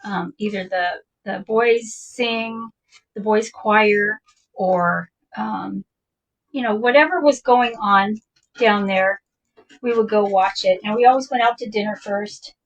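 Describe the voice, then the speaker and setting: A woman's voice: mid-range voice, steady tone, a little slow, far from the mic, rough recording. A woman casually telling a personal story in a chatty, rambling way, laughing often as she talks. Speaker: vintage shop owner telling a personal story.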